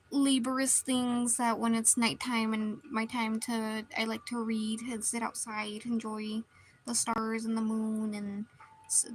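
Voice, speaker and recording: Woman streamer, slightly high voice, meandering casual chat over drawing, desk mic. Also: rough recording. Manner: rambling, meandering, many restarts.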